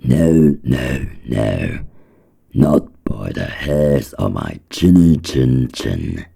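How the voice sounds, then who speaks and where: A man voicing a frightened but defiant little pig in a storybook, gravelly and emphatic. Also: rumbling low, sing-song, drawn-out words, mellow, voice pushed up, full character voice. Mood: defiant refusal. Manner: emphatic, repetitive refusals.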